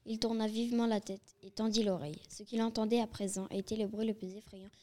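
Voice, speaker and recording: A woman's voice: fairly high pitch, steady tone, fairly quick, dark tone. A woman reading a storybook aloud with a partner, stumbling now and then on words. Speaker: reader.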